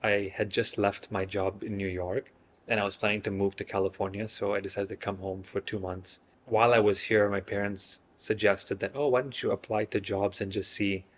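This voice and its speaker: A man in his thirties from Singapore, chatting casually in an interview, relaxed and hesitant with frequent fillers and restarts. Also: lowish voice, moderate pace, slight background noise.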